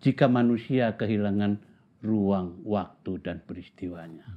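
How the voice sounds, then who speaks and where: A man in his seventies telling stories from his life in a slow, reflective way, pausing often and repeating words for emphasis. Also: fairly low pitch. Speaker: interviewee. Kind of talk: reflective storytelling in conversation. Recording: tinny phone-like sound.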